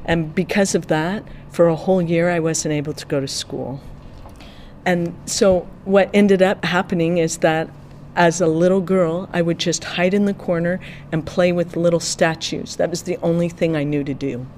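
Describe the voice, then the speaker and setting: An interpreter provides a first-person translation voice-over, measured and steady, often dropping quieter. The voice is medium in pitch, with a little hiss or hum in the background.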